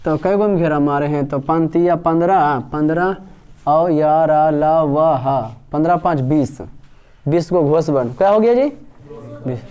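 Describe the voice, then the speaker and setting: A man's voice: on the high side, measured pace, darkish tone, clean tone. A male teacher, dictating a grammar lesson word by word and quizzing his students. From Bihar, India.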